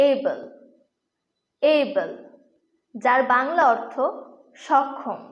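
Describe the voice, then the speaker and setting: High-voiced woman teaching pronunciation. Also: lo-fi sound. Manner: slow, deliberate repetition of words. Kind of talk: scripted lesson narration. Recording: echoey room.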